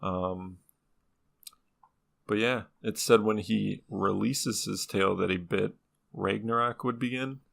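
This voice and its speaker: A man's voice: fairly low pitch, fairly even intonation, slow pace, gravelly, fairly bright tone. A man presenting the topic on a casual podcast, laid-back, laughing often and swearing casually.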